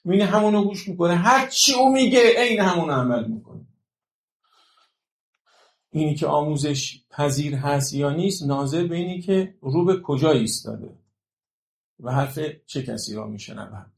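A man's voice: on the high side, lively intonation, gravelly, roomy sound. A man giving a religious talk on education, explaining points and checking in with rhetorical questions to his listeners. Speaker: religious lecturer.

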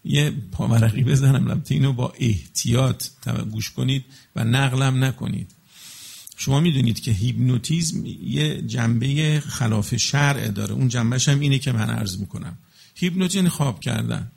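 A man preaching in a casual spoken style, explaining with everyday examples and checking in with listeners, slowing into chanted Arabic blessings. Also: medium pitch, gravelly, darkish tone, husky. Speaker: religious preacher. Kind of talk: colloquial religious talk to an audience.

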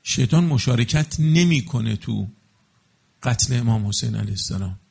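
Male preacher, husky rough timbre, casual teaching delivery that drops into slow chanted blessings. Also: mid-range voice, expressive, a little mellow. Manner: explains with everyday examples and rhetorical checks on listeners. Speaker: religious preacher. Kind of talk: colloquial religious talk to an audience.

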